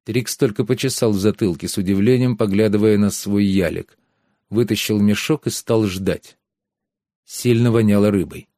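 A man narrating a fantasy audiobook in a measured, savoring way, slowing down on descriptive images. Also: on the low side, a little mellow, dry recording, clean studio sound.

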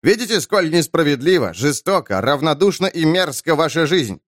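A high-strung young preacher harangues the crowd, his voice leaping up and down with fervor, as a male narrator plays him. The sound is close and dry with no room around it. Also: big pitch swings, normal speed, no room sound. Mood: rousing. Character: excitable young male preacher, defiant and rousing.

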